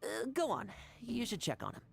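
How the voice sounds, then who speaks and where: An actor voicing a swaggering, blunt young knight with wry, dry humor. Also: male voice, sits high, huge pitch swings, moderate pace, vocal fry, fairly bright tone, exaggerated voice. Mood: joking.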